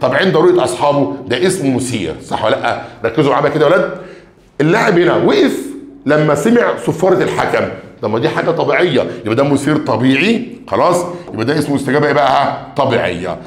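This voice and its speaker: A man's voice: medium pitch, sing-song, racing, roomy sound. A man with an Egyptian Arabic accent teaching an exam revision lesson. He talks straight to his students and stretches out key words one by one as he reads a question aloud. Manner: addresses students directly, calls for blessings on the Prophet.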